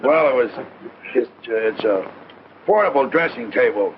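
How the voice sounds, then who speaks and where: A man playing a gruff, plain-spoken pal in an old film, with a gravelly voice. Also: medium pitch, expressive, normal speed, lightly acted. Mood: awkward, proud. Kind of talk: old film drama acting. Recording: dull, noisy old film soundtrack.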